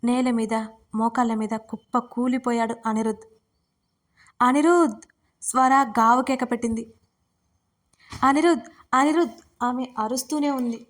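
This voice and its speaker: A woman narrating a romance audio story with steady, expressive reading. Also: a little high, moderate pace.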